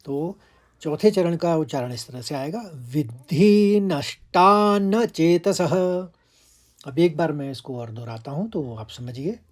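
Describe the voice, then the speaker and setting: A man's voice: a little high, lively intonation, normal speed, dark tone, slightly rough. A man teaching a devotional lesson, chanting Sanskrit verses and carefully breaking them into syllables to show where the stress falls. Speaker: scripture teacher.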